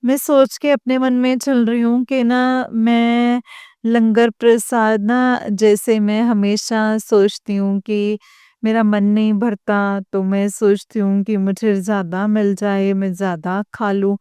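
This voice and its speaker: Slow, smooth-voiced woman sharing a devotional testimony. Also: fairly high pitch, warm tone, no room sound, clean studio sound. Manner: halting storytelling, often addressing listeners respectfully.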